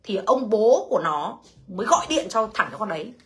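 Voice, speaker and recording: A woman's voice: mid-range voice, big pitch swings, brisk. A woman hosting a casual livestream, telling her own story bluntly and animatedly while speaking straight to her viewers.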